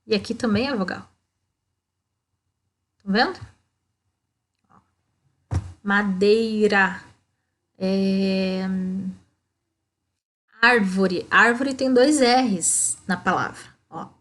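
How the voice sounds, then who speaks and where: A woman's voice: mid-range voice, a bit bright. A Brazilian woman teaching a primary school lesson, explaining step by step and checking in with "tá?". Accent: Brazilian Portuguese. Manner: slow, explaining, frequent "ó" and "tá?".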